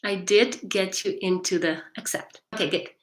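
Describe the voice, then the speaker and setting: A woman's voice: mid-range voice, steady tone, moderate pace, roomy sound. A woman hypnotherapist talking on a live stream and answering viewers' chat, who often ends sentences with "right?" and restarts her phrases.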